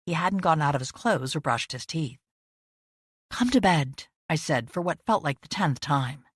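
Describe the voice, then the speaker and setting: A woman reading a first-person audiobook narration in a measured, introspective way. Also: low-pitched, slightly rough, no echo, studio quality.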